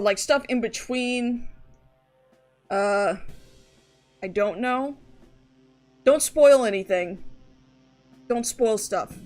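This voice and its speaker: A woman streamer chatting casually to her live audience, rambling and going off on tangents. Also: a little high. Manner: rambling, chatty, often restarts and trails off.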